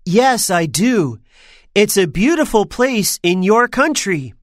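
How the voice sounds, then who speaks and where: A woman voicing a friendly young schoolboy in a textbook listening dialogue, speaking slowly and clearly. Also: mid-range voice, no room sound, studio quality. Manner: lively, clear, slow. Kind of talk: slow scripted textbook dialogue.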